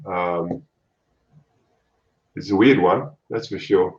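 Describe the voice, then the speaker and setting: A man's voice: sits low, takes it slowly, roomy sound, highs cut off. A man with a broad Australian accent chatting casually as a guest, laid-back and colloquial. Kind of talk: casual chat.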